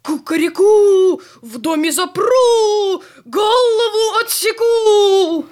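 A woman voicing a bold male rooster in a storybook, chanting in a drawn-out sing-song. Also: sits high, very animated, bright, forceful tone, full character voice. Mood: crowing. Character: bold boastful male rooster, loud crowing.

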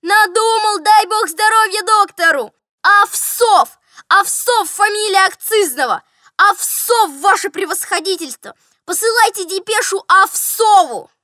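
A woman voicing a muddled middle-aged male estate steward who mutters names slowly and bursts out loudly. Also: high voice, dry recording, clean studio sound. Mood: excited. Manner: muttering slowly, then shouting in joy.

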